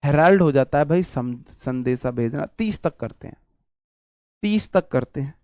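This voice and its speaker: A man's voice: a little high, lively intonation, a little slow, a little mellow, dry recording. A man teaching an online vocabulary class, repeating words and memory tricks and calling his viewers brother.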